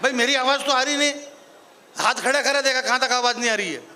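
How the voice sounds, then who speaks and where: High, bright-voiced comic poet. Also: male voice, fast talker, a little hiss or hum. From Marwar, Rajasthan. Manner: jokey banter with the audience, rising into declaiming verse. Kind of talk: live stand-up poetry recital. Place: live stage event before an audience.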